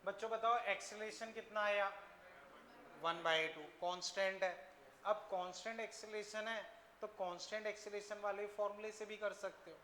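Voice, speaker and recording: Bright-voiced physics teacher. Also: male voice, high voice, steady tone, moderate pace. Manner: addresses students as children, asks frequent checking questions. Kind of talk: classroom lecture. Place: classroom. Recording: echoey classroom, faint noise.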